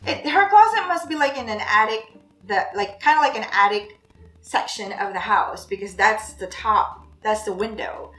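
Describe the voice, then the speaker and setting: Lady doing casual reaction commentary, animated, bright forceful voice, echoey room. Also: mid-range voice, moderate pace. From Philippines. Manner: animated, exclaiming and gesturing. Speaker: reaction video host. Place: small room indoors at a desk. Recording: roomy echo, faint music behind.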